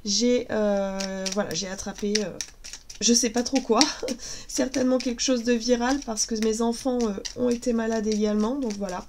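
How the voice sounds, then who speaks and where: A noisy background surrounds a slightly high voice with fairly even intonation and a moderate pace. The speaker, a tarot reader in her thirties with a cold, chats casually yet hesitantly, her voice cracking amid many fillers.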